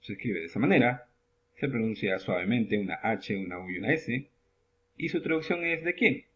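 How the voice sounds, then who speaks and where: A man teaching English in a lesson, slowly spelling out example questions and then translating them, announcing each new word with a sing-song lift. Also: on the low side, lively intonation. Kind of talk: classroom lesson narration.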